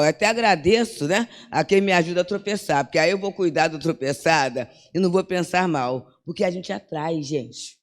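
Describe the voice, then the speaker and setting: An older woman, a spiritist lecturer with a fairly low voice, gives a religious talk in a lecture hall at a spiritist center. She speaks conversationally, peppering her speech with "né?" and acting out bits of dialogue, and the hall has a long reverb.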